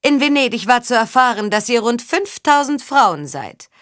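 A woman reading the part of a mocking, scheming middle-aged knight in an audiobook, speaking slowly and drawing out words. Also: fairly high pitch, very animated, fairly bright tone, dry recording, studio quality, voice pushed up. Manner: mocking, drawn-out delivery.

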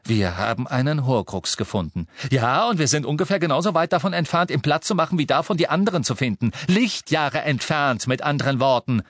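A man's voice: fairly high pitch, expressive, a little fast, few pauses, fairly bright tone, no room sound, clean studio sound, voice pushed up. Young man, controlled anger, near the reader's own voice, read by a man. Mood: angry. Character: young man, calm turning angry.

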